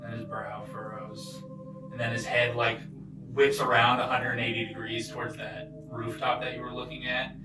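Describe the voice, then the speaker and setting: A man improvising tabletop game narration as game master, haltingly searching for his words. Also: medium pitch, little pitch movement. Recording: roomy, distant mic, music underneath.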